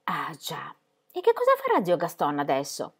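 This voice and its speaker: A woman reading aloud and voicing a lively, curious young girl who asks eager questions. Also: deep voice, normal speed, husky, full character voice.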